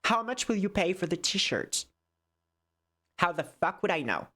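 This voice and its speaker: Low, slow woman muttering through a quiz. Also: very animated, sharp tone. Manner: mutters to herself, swears, switches between French and English. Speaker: content creator. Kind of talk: casual quiz play, thinking aloud.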